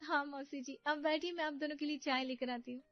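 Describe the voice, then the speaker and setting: A woman voicing a sweet, polite newlywed niece in a cartoon story, soft and cheerful. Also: sits high, steady tone, brisk, no room sound, highs cut off, faint music behind, voice pushed up, close to an everyday voice.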